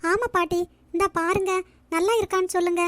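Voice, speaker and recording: Cartoon role: earnest, devoted young woman with a very high, soft voice, voiced by a woman. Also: steady tone, fairly quick. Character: gentle young village woman, devoted to her grandmother. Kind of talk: cartoon voice acting.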